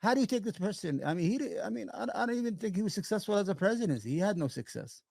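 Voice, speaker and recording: A man's voice: sits high, expressive, racing, gravelly, a little mellow, no echo. A man from Brooklyn, hosting a political interview and talking in an emphatic, rambling way with many restarts. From Brooklyn, New York. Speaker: show host.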